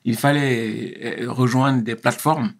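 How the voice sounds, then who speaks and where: A man, speaking as an interview guest in a measured, hesitant way with many pauses and restarts. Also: medium pitch, steady tone. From Senegal. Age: 50s. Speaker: interview guest, engineer and consultant. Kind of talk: casual interview.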